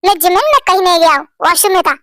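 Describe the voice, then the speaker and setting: Teasing flirty boss man, as a woman reader puts him on, very high bright voice, soft music behind. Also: lively intonation, rapid-fire, no room sound, clean studio sound, full character voice. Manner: playful, teasing. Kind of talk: Hindi fan-story voice acting.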